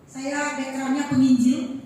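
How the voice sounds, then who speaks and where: With a high voice and a slow delivery, a middle-aged Manado woman who serves as a pastor preaches animatedly, sharing personal anecdotes and repeatedly addressing her congregation. The distant recording comes from an echoey church hall and carries a little hiss or hum.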